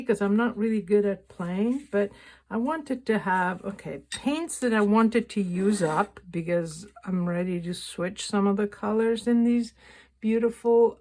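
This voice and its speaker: A woman giving a casual, unscripted painting tutorial, thinking aloud in a halting way and often rephrasing mid-sentence. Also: medium pitch, a little mellow. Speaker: painting instructor and vlogger.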